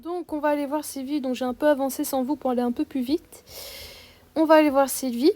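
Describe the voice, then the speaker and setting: A woman's voice: high-pitched, fairly even intonation, fairly quick, over music. A young woman chatting casually over her gameplay, upbeat and full of fillers and restarts. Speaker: gaming YouTuber.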